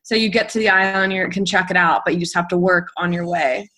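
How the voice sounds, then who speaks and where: A woman's voice: lowish voice, fairly even intonation, quick pace, pushed and bright. A young adult woman casually telling a travel story as a guest, rambling and full of fillers like "like" and "um".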